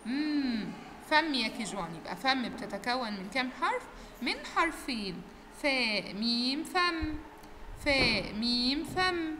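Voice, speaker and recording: A woman's voice: on the high side, pushed and bright, in a large hall, slight background noise. A young woman with an Egyptian accent, a kindergarten teacher giving a recorded phonics lesson, stretching out letter sounds and quizzing the class in a sing-song way.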